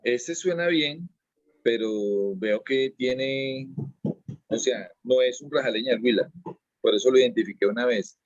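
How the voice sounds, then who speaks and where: A man's voice: medium pitch, measured pace, no room sound, lo-fi sound. A man, a dance teacher being interviewed, explaining at length in a casual way and often restarting and repeating his words.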